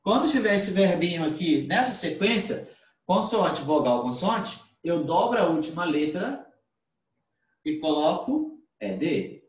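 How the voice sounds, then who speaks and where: Teaching grammar in an online class, a male English teacher asks questions and answers them himself. His high voice swings widely in pitch at an unhurried pace, picked up by a computer mic on a video call with roomy audio.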